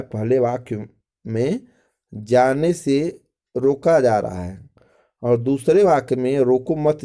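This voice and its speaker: A man's voice: medium pitch, mellow. A man teaching a school grammar lesson to children, explaining step by step, repeating phrases and checking in with the class.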